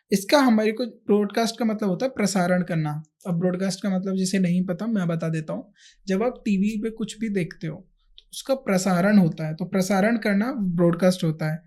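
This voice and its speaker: Here a man's voice sits high and carries a slight mellowness. He's an Indian-accented grammar teacher coaching exam candidates in English, using repetition and rhetorical questions as he walks through the lesson step by step, shifting between Hindi and English.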